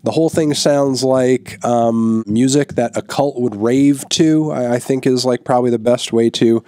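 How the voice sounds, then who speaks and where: Reviewing songs while sick with a stuffy nose, a man speaks unhurriedly in a mid-range voice, relaxed and filler-heavy, with blunt verdicts in his casual, opinionated review. He hosts from a small, newly set-up indoor room, using a large studio microphone on a boom in front of him, and there's no echo.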